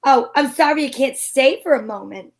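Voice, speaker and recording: A woman's voice: sits high, lively intonation, moderate pace. A woman playing a feisty, wry heroine in an old-time radio show, with sassy, theatrical delivery. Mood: friendly. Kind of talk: hobby old-time radio acting with first-person narration.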